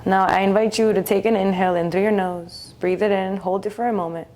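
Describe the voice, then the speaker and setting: Speaking at a mid-range pitch with fairly even intonation, a woman leads a guided meditation. Her delivery is gentle, soothing and unhurried, with long silences between phrases.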